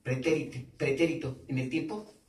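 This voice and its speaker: Pastor preaching in an echoey hall. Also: male voice, medium pitch, steady tone, normal speed, darkish tone, distant mic. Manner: quizzes the congregation with questions, repeating key words. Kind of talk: teaching sermon. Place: church hall.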